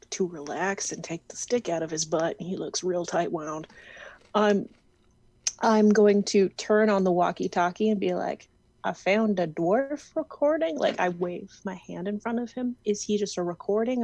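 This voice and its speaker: Woman gaming on a call, low voice with lots of vocal fry, super casual. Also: a little mellow. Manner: casual, quick, narrates her character's actions. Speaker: player. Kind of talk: tabletop role-play over a call.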